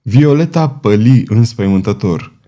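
A man narrating an audiobook novel in a measured, dramatic reading. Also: fairly low pitch, expressive, dark tone. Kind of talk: scripted narration.

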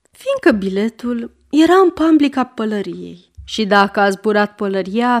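Femeie care citește expresiv o poveste. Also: female voice, on the high side. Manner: expressive, lively narration. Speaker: reader. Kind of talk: storybook reading aloud.

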